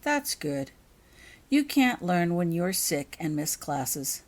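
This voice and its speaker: A woman's voice: lowish voice, big pitch swings, slow. A woman reading the part of a dreamy, unconcerned female magic-school professor in a storybook, serene and detached.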